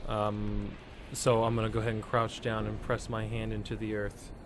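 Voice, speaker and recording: A man's voice: on the low side, completely flat delivery, normal speed, noisy background. A man playing a tabletop game, speaking in a hesitant way with many fillers. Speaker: player. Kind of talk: casual tabletop game play.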